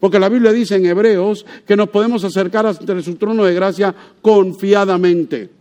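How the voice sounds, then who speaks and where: A man's voice: high voice, fairly even intonation, normal speed, a little mellow. A man preaching a sermon, conversational, asking the congregation rhetorical questions and joking lightly. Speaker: pastor.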